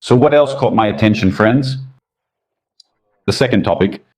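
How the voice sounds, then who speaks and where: A man's voice: medium pitch, moderate pace, a little mellow. A man hosting a commentary channel, talking in a sarcastic, indignant way, with Russian as his first language. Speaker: political commentator. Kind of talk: scripted commentary monologue.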